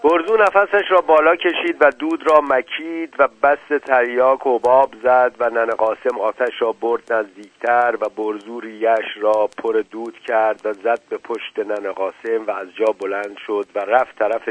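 A man reading a novel aloud as narrator, in a measured, unhurried storytelling manner. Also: on the low side, no room sound. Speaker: audiobook narrator. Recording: dull lo-fi dry recording.

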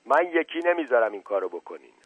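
A man's voice: mid-range voice, very animated, breathy edge, dry recording, voice pushed up. A scheming village man speaks firmly and emphatically, as a man acts him out. The sound is tinny and narrow, like a phone line, with a dry room.

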